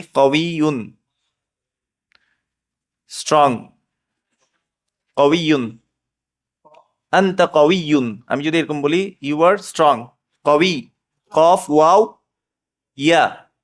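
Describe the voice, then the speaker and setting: Male teacher, middle-aged; unhurried, quizzes students. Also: on the high side. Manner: patient, drilling, asks students questions. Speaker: Arabic teacher. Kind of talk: classroom language lesson.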